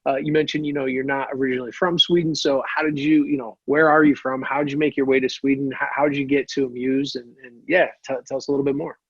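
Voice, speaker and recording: A man's voice: medium pitch, level tone, fast talker, few pauses, a bit bright, slightly rough, no room sound, highs cut off. A man hosting a podcast interview casually, friendly and affirming, with stumbling restarts. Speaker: podcast host.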